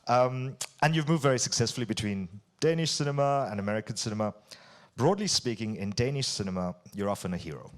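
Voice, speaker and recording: A man hosting an interview, putting prepared questions in articulate, deliberate phrases. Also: mid-range voice, animated. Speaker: interviewer hosting an on-stage conversation.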